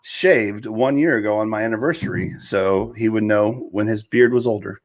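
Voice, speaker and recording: A man co-hosting a casual sports talk show, excitable, swinging from loud outbursts to mumbled asides. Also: on the low side, moderate pace. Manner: excitable, jumps between shouting and mumbling. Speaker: podcast co-host.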